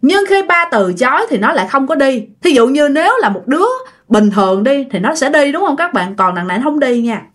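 Chatty Southern Vietnamese woman narrating a ghost story, fairly high voice with lots of swing. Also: sing-song, fairly quick. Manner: chatty, addresses listeners directly.

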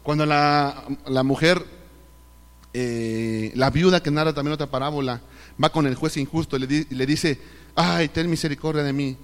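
A man's voice: medium pitch, moderate pace. A man with a Mexican Spanish accent preaching a sermon at a church service, asking rhetorical questions and acting out the voices of the people he quotes. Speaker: pastor. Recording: live recording with long hall reverb.

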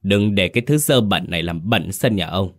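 A man voicing a cruel, cold older village landlord who speaks slowly and threateningly in a ghost story. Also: sits low, animated. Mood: cold command.

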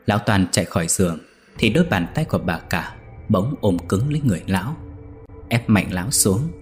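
A man reading a ghost story aloud in a steady, measured way. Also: fairly low pitch, soft background music.

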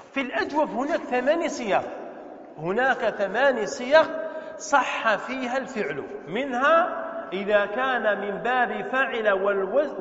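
A man's voice: very high-pitched, a bit bright, slight background noise. A man teaching a grammar lesson in a mosque, drilling verb forms and quizzing his students with short questions. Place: mosque hall. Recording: echoey muffled hall recording.

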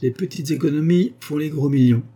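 A man's voice: on the high side, fairly quick, mellow, husky, pitched above the performer's own voice. A man voicing a miserly old rustic wood merchant who talks bluntly and mockingly, in an audiobook. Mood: gruff.

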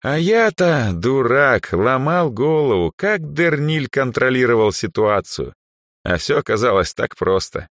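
A man's voice: medium pitch, sing-song, unhurried, a bit bright, no room sound, clean studio sound, pitched above the performer's own voice. A man voicing an aging male archmage who sighs, lectures and sometimes snaps in anger. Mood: rueful. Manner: sighing, lecturing, flares into anger. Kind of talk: audiobook character voice.

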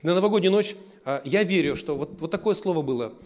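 A man preaching a sermon as pastor, telling stories in a lively way, with loud emphatic bursts and quiet asides. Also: fairly high pitch, fast.

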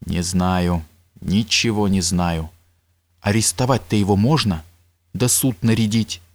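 A man's voice: on the low side, fairly even intonation, a little slow, no room sound. A man reading an audiobook, voicing a frail, flustered male nobleman who moans and whispers in agitation. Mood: agitated. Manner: agitated, moaning, breathless whispers.

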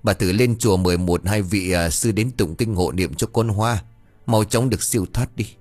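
A man voicing a grieving middle-aged rural uncle with a husky, gruff manner. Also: fairly low pitch, moderate pace, a little mellow, soft background music, lightly acted. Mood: resigned.

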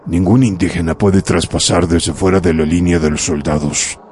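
A man's voice: low voice, steady tone, normal speed, a little mellow, slight background noise, lightly acted. A man voicing a stern older commander, firm and authoritative, in a horror audiobook.

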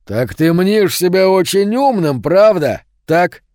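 A man voicing a hulking teenage bully who drawls slow, loud, mocking threats. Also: high voice, expressive, no echo, clean studio sound, pitched above the performer's own voice. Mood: menacing.

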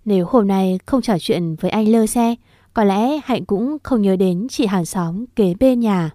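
A woman narrating a story in a steady, gentle reading voice. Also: medium pitch, unhurried, no room sound, clean studio sound.

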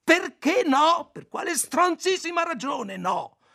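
A male reader voicing a furious, defiant young woman who shouts and weeps in contempt. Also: medium pitch, big pitch swings, moderate pace, slightly rough, pitched above the performer's own voice.

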